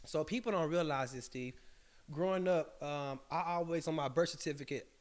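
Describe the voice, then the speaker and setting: A man's voice: on the high side, moderate pace. A man in his thirties from Texas, a track coach, telling stories animatedly in a podcast interview. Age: 30s. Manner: animated, storytelling, leans on "you know what I mean". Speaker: track coach and former athlete.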